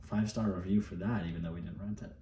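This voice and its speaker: A man's voice: low-pitched, steady tone, quick pace, mellow. A man co-hosting a vlog, telling a story casually with laid-back, dry asides. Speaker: vlog co-host. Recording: echoey room, distant mic, faint hiss.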